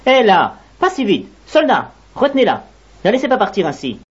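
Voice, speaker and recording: A woman's voice: medium pitch, sing-song, normal speed, breathy edge, dull audio. A woman voicing a bossy, blustering ant general who barks orders at his soldiers. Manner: commanding, blustering.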